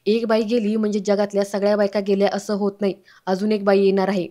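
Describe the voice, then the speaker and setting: A woman voicing a sharp-tongued young wife who complains with irritation as she retells a serial. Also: medium pitch, little pitch movement, quick pace, close to an everyday voice.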